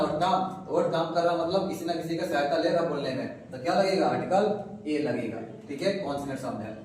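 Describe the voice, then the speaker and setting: A man's voice: fairly high pitch, a little mellow. Man teaching grammar in an echoey room. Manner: drills sounds slowly, asks and answers his own questions. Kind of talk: classroom grammar lesson. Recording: echoey room, mic far off, faint noise.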